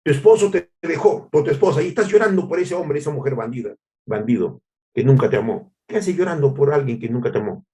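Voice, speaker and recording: A man's voice: mid-range voice, expressive, fast talker, dark tone. A male pastor preaching a devotional sermon, repeating phrases for emphasis and calling his listeners brothers.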